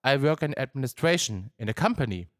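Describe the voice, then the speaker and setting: A man's voice: medium pitch, big pitch swings, fairly quick, no echo, clean studio sound, voice pushed up, lightly acted. A man voicing a grateful young female refugee who speaks English, polite and hopeful.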